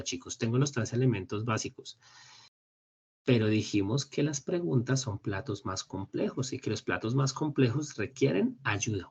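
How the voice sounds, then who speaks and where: A husky-voiced man leads an online English class, switching between Spanish explanations and slow, careful English examples. His voice sits at an ordinary pitch. The sound is dull and lo-fi, like a recorded video meeting. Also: a little mellow. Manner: explains in Spanish, models English phrases slowly. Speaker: English instructor. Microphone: computer mic on a video call.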